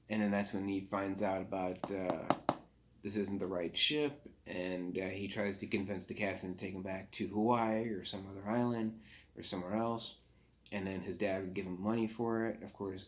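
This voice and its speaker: A man casually recapping a movie plot for a review, rambling and halting, with frequent fillers and self-corrections. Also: low-pitched.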